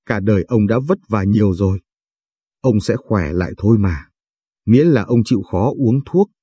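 A young granddaughter in an audio story, pleading and affectionate with her grandfather, voiced by a man reading. The voice stays low and husky. The sound is dry and close. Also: expressive, moderate pace, warm tone, no room sound. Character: young woman granddaughter, tearful and loving.

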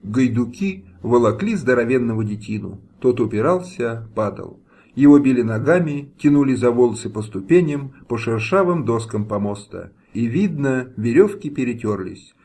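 A man reading a historical novel aloud as an audiobook narrator, in a steady, dramatic manner. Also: mid-range voice, normal speed.

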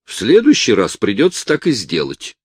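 A man's voice: on the low side, huge pitch swings, moderate pace, breathy edge, dry recording, studio quality, heavily acted. A man voicing a suspicious, officious hospital nurse who questions and orders curtly. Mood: interrogating. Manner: curt, interrogating.

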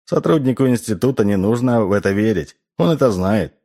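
A man's voice: fairly low pitch, animated, a little fast, mellow, pitched above the performer's own voice. A man reading an audiobook, voicing a shrewd, sardonic older male doctor.

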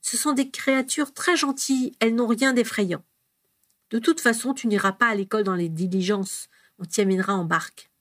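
A woman voicing a calm, firm father who reassures his son, in a dry close recording. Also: on the high side, moderate pace, no echo. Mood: reassuring.

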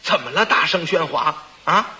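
A man voicing a stout, hot-tempered royal prince who scolds loudly. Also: fairly high pitch, animated, moderate pace. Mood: scolding. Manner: loud, blustering scolding.

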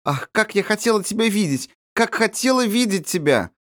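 A man reading an audiobook, voicing a spoiled, capricious little rich girl in high, squealing chatter. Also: sing-song, normal speed, no room sound, studio quality. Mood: excited. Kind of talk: audiobook character voice.

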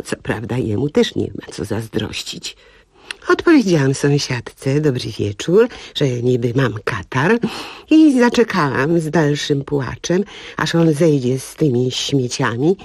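Aktorka grająca porzuconą kobietę, która z ironią i gorzkim śmiechem opowiada o swoim upokorzeniu. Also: female voice, low voice, darkish tone, breathy edge, no echo, clean studio sound, heavily acted. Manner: wry, rueful, bursts of bitter laughter. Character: jilted woman laughing through her misery. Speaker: cabaret actress. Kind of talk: comic radio monologue.

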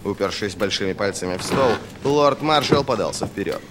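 A man narrating a novel as an audiobook, reading in an even, measured way. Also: lowish voice, background noise. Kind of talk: scripted narration.

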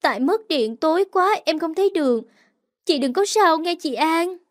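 A woman's voice: very high voice, expressive, moderate pace, no room sound, clean studio sound, pitched above the performer's own voice. A woman voicing a tearful young woman who keeps apologizing in a pleading tone.

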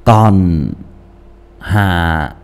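This deep, resonant voice belongs to a male audiobook narrator who draws out his words clearly while chatting about character voices. His manner is lively; he keeps restarting lines and posing rhetorical questions to his audience.

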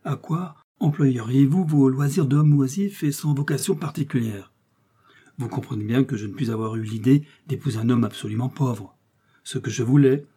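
A man's voice: mid-range voice, dark tone, breathy edge, lightly acted. A man voicing an idealistic young princess in an audiobook, earnest and insistent. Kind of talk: audiobook character reading.

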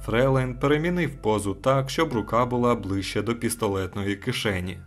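A man narrating a short story as an audiobook in a steady, measured way. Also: medium pitch, faint music behind.

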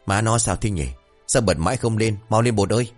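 A man voicing a young village prankster who eagerly pitches a scheme to his friends. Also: fairly quick, faint music behind, lightly acted. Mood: flustered. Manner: eager, conspiratorial, boastful.

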